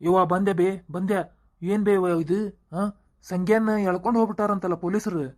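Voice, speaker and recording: A woman's voice: mid-range voice, fairly even intonation, moderate pace, darkish tone, natural voice. A brash young thief, the elder son in a village cartoon, voiced by a woman. He talks with a cocky swagger, forever calling his mother "bē". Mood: puzzled. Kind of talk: cartoon voice acting.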